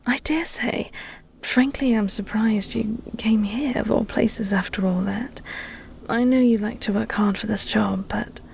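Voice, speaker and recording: In an intimate audio roleplay, a woman plays a flirty, teasing vampire nemesis who secretly cares, using wry, elegant phrasing. Her medium-pitched delivery is breathy, soft, slow and half-whispered, with slight background noise.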